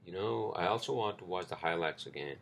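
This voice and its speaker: Deep, creaky and a bit bright, this man's voice moves fairly quickly. He hosts a loose, rambling solo podcast in English with a non-native accent, peppered with fillers, restarts and swearing.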